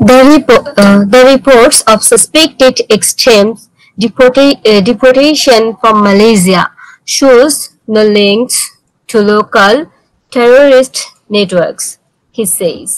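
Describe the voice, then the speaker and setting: Halting Bangladeshi woman student reading aloud. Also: on the high side, dry recording, low-quality recording. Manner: reads haltingly with restarts and very slow pace.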